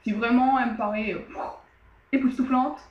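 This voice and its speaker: A woman's voice: fairly high pitch, steady tone, normal speed, roomy sound, lo-fi sound, lightly acted. Woman voicing a furious sword-wielding efrit. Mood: menacing. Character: furious male demon, sword in hand.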